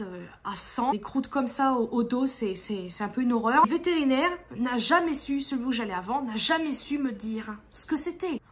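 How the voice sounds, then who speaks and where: A woman vlogging to her viewers in a casual, exasperated way, rambling with frequent restarts. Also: sits high. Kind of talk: casual venting vlog.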